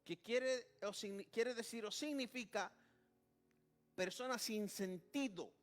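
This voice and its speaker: Over soft background music, a high-voiced man preaches slowly in Spanish. He repeatedly addresses the congregation as "hermano," keeps saying "alabado sea el nombre de Jesús," and frequently starts his sentences over.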